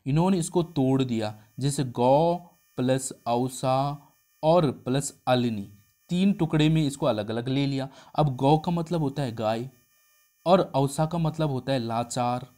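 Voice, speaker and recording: Man, exam tutor, casual explaining, chatty asides, mid-pitched voice. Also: dark tone. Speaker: exam prep teacher. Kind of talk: casual spoken lesson.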